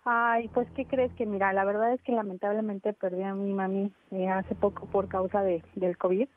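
A woman's voice: mid-range voice, little pitch movement, moderate pace. A woman calling in to a radio show over a phone line, talking casually and hesitantly, often restarting and repeating words. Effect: heard over a phone line. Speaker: radio call-in caller. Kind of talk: casual call-in chat. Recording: tinny phone line with faint music.

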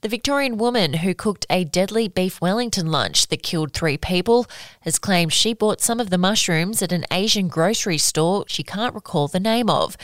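Woman, Australian accent, news presenter, scripted bulletin, lowish pitch, close dry sound. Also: no room sound.

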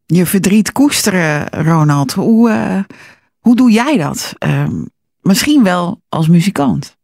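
A woman hosting a radio interview, asking calm, probing questions. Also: lowish voice, slow, vocal fry, no echo, clean studio sound. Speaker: radio host.

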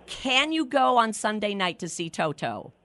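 A woman's voice: medium pitch, big pitch swings, unhurried, very noisy. A woman co-hosting a morning radio show, running a call-in ticket giveaway and laughing often. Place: radio studio.

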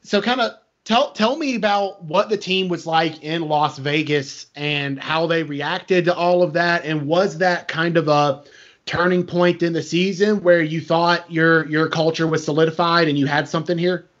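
The audio is a little dull and lo-fi. A man with a fairly high voice works as a sports interviewer, laying out long, wordy lead-ins before he gets to the question. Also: steady tone, normal speed, a bit bright. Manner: wordy, circling build-up to questions. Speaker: podcast interviewer.

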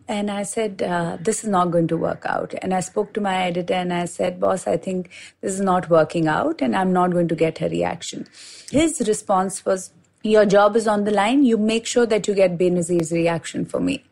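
A woman's voice: medium pitch, vocal fry. Woman telling a personal story. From India. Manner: animated retelling with quoted dialogue. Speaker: podcast host and journalist.

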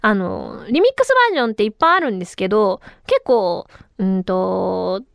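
A woman in her thirties hosting a casual solo podcast, chatty and animated, her voice a little tired from talking a lot. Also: mid-range voice, a little fast, vocal fry, dry recording, studio quality. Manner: chatty and animated, with frequent laughs. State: tired voice from talking too much. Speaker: radio and podcast host.

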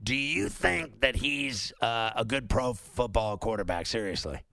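A man's voice: mid-range voice, measured pace, creaky, bright, forceful tone. A man hosting a sports call-in show, talking casually in a brash, boastful, teasing way. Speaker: sports radio call-in host. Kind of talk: casual fantasy football sports talk.

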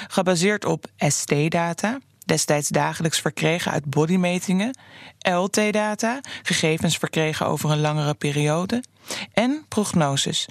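A narrator reading a written story in a calm, measured way. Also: mid-range voice, gravelly, dry recording, studio quality.

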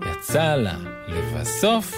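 An expressive man reads a children's story aloud, and his voice rises and falls with playful animation. Clear music runs behind the reading the whole time. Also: fairly low pitch. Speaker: narrator.

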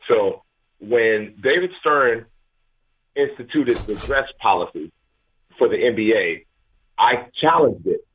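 A man's voice: fairly low pitch, slightly rough. A man from Atlanta calling a sports radio show on a phone line over speakerphone, rambling and restarting his sentences. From Atlanta, USA. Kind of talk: call-in sports talk. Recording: tinny speakerphone call line.

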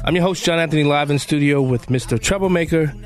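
A man hosting live talk radio from a studio, bantering and debating in an animated, conversational way. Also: fairly high pitch, quick pace, soft background music. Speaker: radio talk show host.

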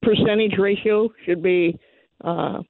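A caller heard over the phone on a call-in show, the voice squeezed into a thin telephone band with no room around it. The delivery is polite and a little hesitant, with plenty of "uh" and "um". The pitch sits in the middle of the range. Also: fairly even intonation, slow, gravelly, dry recording. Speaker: caller to a radio garden show. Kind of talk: call-in question. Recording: narrow telephone line.

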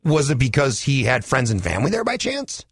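A man's voice: medium pitch, huge pitch swings, fairly quick, gravelly, husky, no room sound, clean studio sound. A man co-hosting a radio show, asking questions in a casual conversational style.

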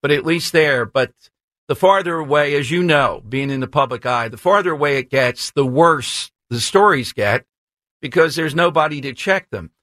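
A man's voice: a little high, normal speed, pushed and bright, no echo. Casting: American male talk radio host, polite and conversational, wandering into his questions, on a dry studio microphone.

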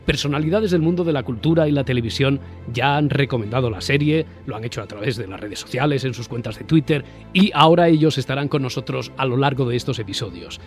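A podcast host with a Castilian Spanish accent talks fast in a mid-range voice. He presents a discussion show from a script, articulate like a radio presenter, over a faint music bed.

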